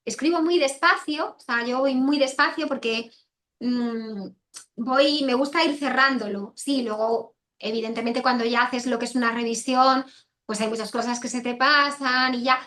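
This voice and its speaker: A woman's voice: a little high, moderate pace, a bit bright. A woman author answering interview questions over a video call, rambling and correcting herself and often repeating phrases. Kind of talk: casual spoken interview answers.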